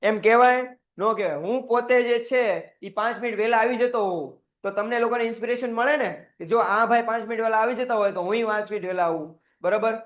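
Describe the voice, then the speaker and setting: High-voiced man teaching a class. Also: fast talker, few pauses. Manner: asks constant rhetorical questions, acts out little quoted scenes; mixes English words into his talk. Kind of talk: recorded classroom lecture. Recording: dull lo-fi audio.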